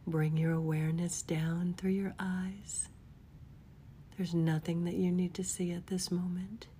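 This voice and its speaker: A woman leading a guided relaxation in a soft, soothing whisper, gently giving unhurried instructions. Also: lowish voice, flat delivery, slight background noise. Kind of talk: whispered guided body-scan meditation.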